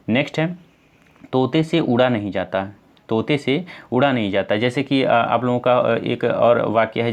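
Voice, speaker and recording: Male exam tutor, North Indian Hindi accent, patient step-by-step explainer. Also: mid-range voice. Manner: explains step by step, asks and answers own questions; addresses viewers as friends, many fillers. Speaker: teacher. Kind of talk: exam-prep lesson.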